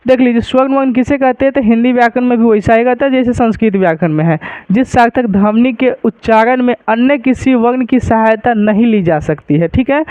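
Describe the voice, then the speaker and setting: A man's voice: very high-pitched, a little mellow, no echo, dull audio. A man teaching a grammar lesson to students, repeating points and asking rhetorical questions to check they follow.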